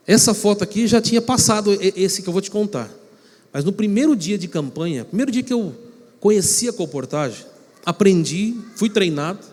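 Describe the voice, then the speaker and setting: A man from São Paulo state, Brazil, preaching as a pastor and telling a personal story with animated acted-out quotes. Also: high-pitched. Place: church sanctuary. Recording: long reverb of a church hall.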